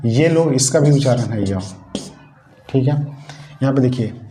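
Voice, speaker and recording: A man's voice: mid-range voice, unhurried, warm tone, faint music behind. A man teaching a grammar lesson, explaining step by step, repeating key points and putting questions to his students. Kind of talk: Hindi classroom-style grammar lesson. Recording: echoey room with faint noise.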